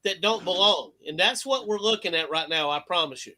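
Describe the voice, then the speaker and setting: A man in his fifties hosts a loose sports chat with a sharp, bright voice that sits fairly high. He rambles, swears freely and pushes his opinions hard. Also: brisk, rough recording. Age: 50s. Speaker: host.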